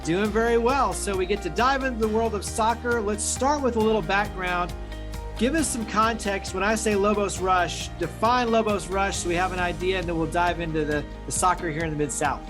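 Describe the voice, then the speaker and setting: A man's voice: high voice, a little fast, over music. A male radio show host leading an interview with upbeat, guiding questions.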